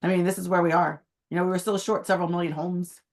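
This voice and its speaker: A woman real estate agent with a hoarse, phlegmy voice, chatting casually about the housing market. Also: fairly low pitch, fairly even intonation, quick pace. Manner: chatty, uses many fillers. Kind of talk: casual market update chat. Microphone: video call.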